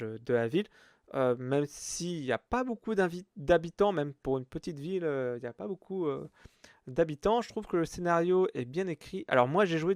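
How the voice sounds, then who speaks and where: A man's voice: a little high, no echo, studio quality. Rambling French-speaking man reviewing a game. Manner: rambling, many fillers and restarts. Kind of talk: casual video game review.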